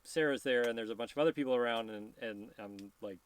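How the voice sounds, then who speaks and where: A man's voice: medium pitch, fast. A man hosting a casual live stream, rambling, laughing often and reading viewer questions aloud.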